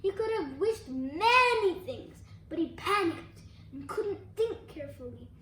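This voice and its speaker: A child reading a storybook aloud in a careful, deliberate way. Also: extremely high pitch, sing-song, sharp tone. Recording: echoey room, faint background noise.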